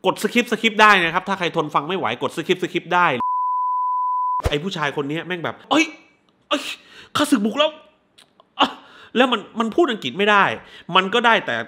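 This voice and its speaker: A man doing a casual spoiler recap of a movie, crude and animated, who swears freely. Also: high-pitched, a little fast.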